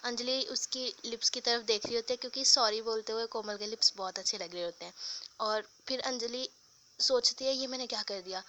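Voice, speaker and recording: A woman's voice: a little high, fairly even intonation, fairly quick, pushed and bright, a little hiss or hum. A young woman casually telling a love story, voicing every character in her own voice, with frequent restarts. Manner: narrates and voices all characters in the same voice, with restarts.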